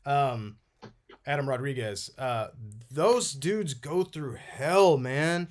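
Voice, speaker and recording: A man's voice: mid-range voice, expressive, slow pace. A man from Texas chatting casually as a co-host, rambling and enthusiastic, with "man" and "like" all through his talk. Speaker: co-host of a collectibles talk stream. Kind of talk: casual group chat.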